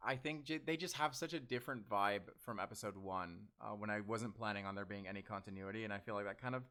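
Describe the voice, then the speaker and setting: A young man chatting casually while he answers fan questions, with lots of fillers and bursts of excitement. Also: fairly low pitch, fast. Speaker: audio drama creator answering fan questions. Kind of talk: casual Q&A chat.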